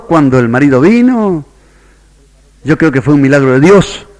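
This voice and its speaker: A man with a Rioplatense Spanish accent preaching a sermon as a pastor, telling a story and quoting its characters. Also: medium pitch. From Argentina.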